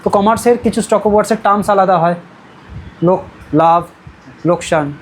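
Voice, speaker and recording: A woman's voice: medium pitch, a little fast, rough recording. Woman, Medinipur Bengali accent, classroom English teacher, patient step-by-step explainer, faint noise behind. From Medinipur, West Bengal. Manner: explains step by step, keeps checking in with students. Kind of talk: classroom lesson.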